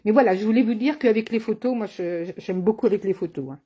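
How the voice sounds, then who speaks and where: A woman's voice: mid-range voice, fast, warm tone, slightly rough. A woman running a live card-making tutorial as a craft demonstrator, chatty and teasing, speaking to viewers by name. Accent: has an accent, not named.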